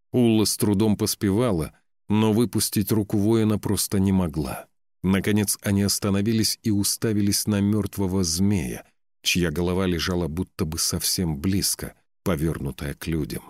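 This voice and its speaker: A male audiobook narrator with a very deep, slightly mellow voice reads scripted passages from a fantasy novel. The studio recording is clean, with no room sound.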